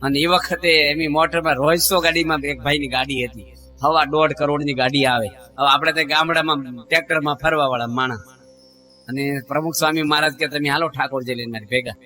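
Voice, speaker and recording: A man's voice: a little high, steady tone, a little fast, bright, forceful tone, faint music behind. A man, a monk giving a devotional sermon, telling folksy stories and acting out the voices of the people in them. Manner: folksy storyteller acting out quoted dialogue. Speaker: monk preacher.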